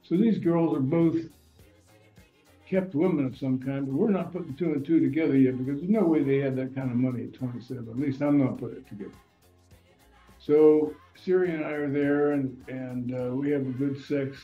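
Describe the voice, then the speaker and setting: A man's voice: medium pitch, moderate pace. An older man telling casual, rambling stories in a blunt, profane way. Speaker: storyteller. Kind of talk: casual storytelling monologue. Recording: echoey room, slightly dull sound, faint music.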